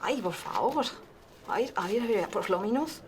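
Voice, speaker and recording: A woman's voice: mid-range voice, expressive, unhurried, darkish tone, a little hiss or hum, natural voice. A woman with a Spanish accent in a comic TV English lesson sketch, fussing and sighing in exasperation. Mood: exasperated. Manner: fussy, exasperated sighs. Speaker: English teacher.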